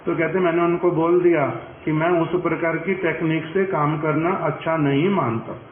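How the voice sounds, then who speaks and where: A man's voice: a little high, steady tone, normal speed. A man giving a devotional talk, retelling a saint's life story in the first person. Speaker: preacher telling a saint's life. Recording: echoey, tinny phone-like audio with faint hiss.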